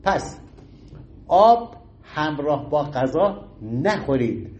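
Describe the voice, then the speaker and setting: A middle-aged man giving an informal health talk in an animated, folksy way, acting out little everyday scenes. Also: on the high side. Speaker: health lecturer.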